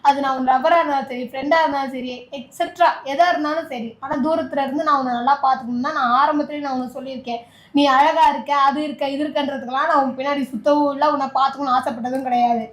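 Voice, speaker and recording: A young woman with a Tamil accent argues with her partner, pleading and insistent, her voice breaking with tears. She speaks in a high voice. The recording carries a roomy echo. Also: steady tone, fast talker. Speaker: YouTube couple vlogger. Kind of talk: emotional prank argument.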